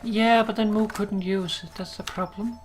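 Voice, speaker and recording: A woman hosting a gaming stream, chatting casually in a sleepy, relaxed way with soft laughs. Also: mid-range voice, normal speed, faint music behind. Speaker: streamer host. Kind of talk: casual chat while gaming.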